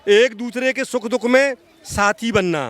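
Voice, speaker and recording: A very high-pitched, slightly bright male voice moves at a measured pace. The speaker, a social activist in a street interview, offers passionate political opinion with oratorical emphasis and repeated phrases.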